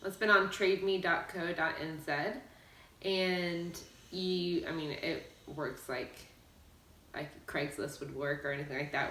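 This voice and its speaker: Lowish-voiced woman, very roomy sound. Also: fairly bright tone. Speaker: co-host of a couple's video blog. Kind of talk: casual video blog chat. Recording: echoey room, distant mic, faint noise.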